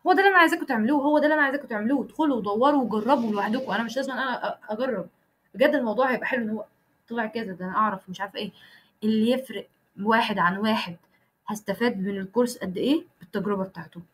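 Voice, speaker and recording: A young Egyptian woman runs an online coding lesson, her voice set a little high and her words coming quickly. She breaks off and restarts phrases as she works through the code, pausing often to ask whether everyone has it. It sounds like a plain computer mic on a video call. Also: a bit bright, a little hiss or hum. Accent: Egyptian Arabic. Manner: explains step by step, checks in with students often; frequent restarts and self-corrections while typing code. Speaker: programming instructor.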